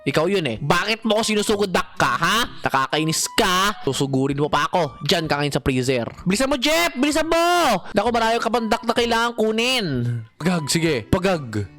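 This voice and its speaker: A young man giving excited gameplay commentary, talking to viewers and his in-game pet with frequent shouts. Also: high voice, fairly quick, soft background music. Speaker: gaming channel host.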